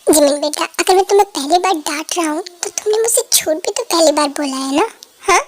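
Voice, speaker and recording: A woman's voice: extremely high pitch, fairly quick, slight background noise. A woman voicing a strict father who sets hard conditions for his teenage children in a fan dub. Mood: stern. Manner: stern, reproachful. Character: strict father of two teens, hurt and demanding.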